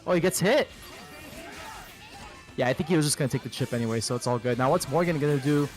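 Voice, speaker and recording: With soft music in the background, a thirties-aged man talks fast in a medium-pitched voice while commentating a fighting game tournament stream. His style is casual, crude and jokingly playful.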